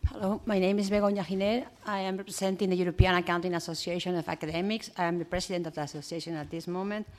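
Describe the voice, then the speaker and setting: Woman professor, lowish voice, quick delivery, formal meeting introduction. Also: steady tone. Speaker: academic. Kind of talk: self-introduction at a round-table meeting.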